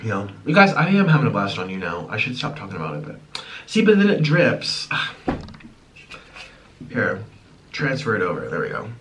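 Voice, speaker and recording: This mukbang host is a man in his twenties, born in Ukraine and raised in America, rambling casually as he eats at home. His fairly bright voice sits on the low side yet swoops wildly in pitch, moving at normal speed with long pauses; the mic is slightly distant and faint room noise is audible.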